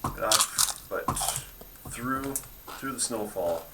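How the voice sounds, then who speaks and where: A man narrating as game master of a tabletop game, halting and restarting as he describes the scene. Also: mid-range voice, expressive, far from the mic, heavy background noise. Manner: halting, fills gaps with restarts.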